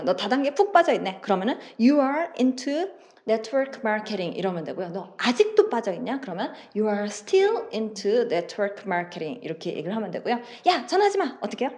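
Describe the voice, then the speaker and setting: A woman's voice: on the high side, a little mellow. A woman teaching an English lesson in an online lecture, acting out dialogue lines in playful voices and laughing often.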